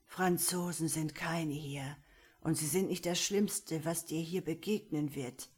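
A woman voicing a frightened, hoarse old village man who stammers and speaks in hushed tones. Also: low-pitched, unhurried, full character voice. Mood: ominous. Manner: stammering, pleading, then hushed.

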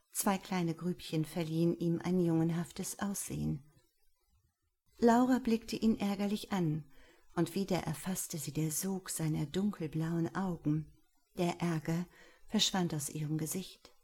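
A woman reading a novel aloud in calm, measured scripted narration. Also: fairly low pitch, breathy edge. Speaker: audiobook narrator.

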